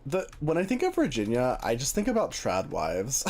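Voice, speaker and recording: An American man chatting casually as a livestream host while gaming, with an animated, conversational manner. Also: medium pitch, moderate pace, slight background noise. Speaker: live streamer host.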